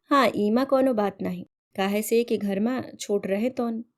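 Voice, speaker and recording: A woman's voice: a little high, measured pace, lightly acted. Woman doing a stubborn rustic servant boy. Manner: rustic village dialect speech. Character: young male household servant, simple and stubborn.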